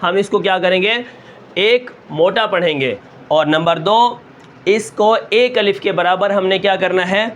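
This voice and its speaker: A man teaching Quran recitation step by step, asking questions and answering them himself, and stretching sounds slowly to show them. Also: sits high, a bit bright. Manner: asks the class a question, then answers it himself; draws out sounds long and slow to show them.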